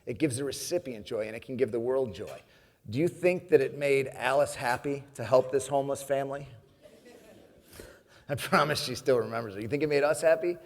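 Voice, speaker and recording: A man's voice: medium pitch, normal speed. A man giving a humorous motivational speech, telling a story with frequent laughter and addressing the audience as friends. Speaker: keynote speaker. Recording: long hall reverb.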